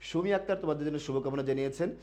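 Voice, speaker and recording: A man's voice: on the high side, warm tone. Man teaching online class, drilling questions. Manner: asks students questions and answers them himself, repeats key words slowly. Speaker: online admission-test teacher. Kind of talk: live online grammar class.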